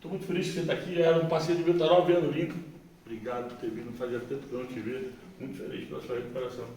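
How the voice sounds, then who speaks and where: A Brazilian psychologist giving an informal recovery testimony talk, colloquial and animated, acting out dialogue. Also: male voice, mid-range voice, rapid-fire. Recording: echoey room, far from mic.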